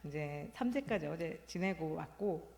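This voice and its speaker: A woman in her fifties, a Won Buddhist minister, giving a halting, reflective talk at a Sunday service. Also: sits low, animated, gravelly, a little mellow. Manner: halting, reflective, personal storytelling. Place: temple hall. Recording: long hall reverb.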